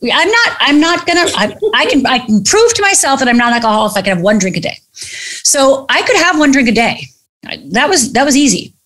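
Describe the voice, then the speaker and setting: A middle-aged woman telling a personal story as an interview guest, animated and acting out the voices of people she quotes. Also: sits high, a little fast.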